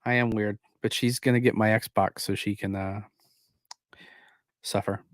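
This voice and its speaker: A man's voice: lowish voice, fairly even intonation, moderate pace, no echo. A man co-hosting a casual streamed podcast chat, often repeating words as he starts a sentence. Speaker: podcast co-host.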